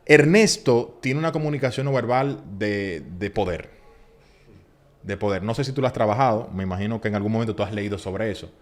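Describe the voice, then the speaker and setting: Animated man coaching public speaking. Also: fairly low pitch, fairly quick. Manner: animated, emphatic, acts out little quoted scenes. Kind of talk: casual advice in a podcast chat.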